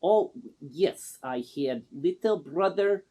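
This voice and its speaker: A man playing an eccentric self-proclaimed pop star with a put-on Russian accent, speaking in broken English with a deadpan, boastful manner. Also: a little high, slow. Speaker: interviewee.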